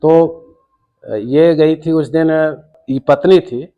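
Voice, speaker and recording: A man's voice: on the high side, slow, phone-quality sound. An older man, giving an earnest, pleading account to a local news reporter and calling him sir. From Bihar, India. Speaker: complainant interviewed by a reporter.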